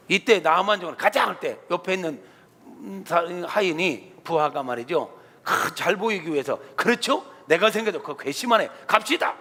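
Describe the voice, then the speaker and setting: A man, a pastor, preaching a sermon in an animated, colloquial way in a church. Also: fairly high pitch. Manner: animated, colloquial, acts out quotes. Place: church sanctuary. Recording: reverberant church hall.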